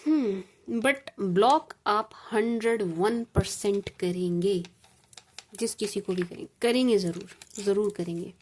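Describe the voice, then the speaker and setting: A woman's voice: medium pitch, slow, darkish tone. A woman from India giving a collective tarot reading in a casual, repetitive, reassuring way, mixing Hindi with English phrases. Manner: calls viewers "sweet sugar gems" and adds "ठीक है जी". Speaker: tarot reader.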